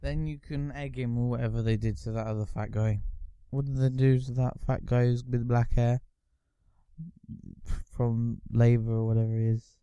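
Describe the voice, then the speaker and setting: Guy, podcast co-host, smooth mid voice, dry close sound, rambling with a crude streak. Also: mid-range voice, flat delivery, moderate pace, warm tone, dry recording, muffled recording. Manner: rambling, swearing, mock-announcer asides. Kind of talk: casual banter with a friend.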